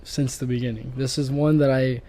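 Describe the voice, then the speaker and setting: A man's voice: mid-range voice, flat delivery, brisk, mellow. A young man in his twenties hosting a casual podcast from a home living room, teasing and joking with his guest. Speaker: podcast host.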